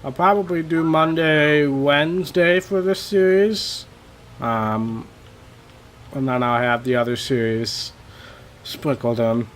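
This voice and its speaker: A young man giving casual, rambling commentary over his racing game, a little hoarse and self-deprecating, with many fillers. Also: a little high, takes it slowly, a little hiss or hum. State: slightly losing his voice. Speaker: gaming channel host.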